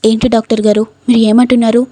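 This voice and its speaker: A tearful, anxious young woman from a spoken storybook, read by a woman. The voice sits a little high with a mellow, dark tone and an even, flat melody. The recording is dry and close, with no room sound. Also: quick pace, no echo, lightly acted. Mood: worried. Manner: plain read-out lines, hardly acted.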